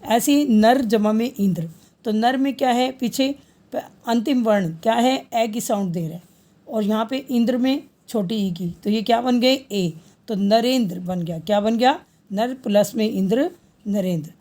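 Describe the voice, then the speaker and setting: A woman's voice: a little high, normal speed, dark tone. A woman teaching a grammar lesson, patiently working through examples and repeating each answer as a question.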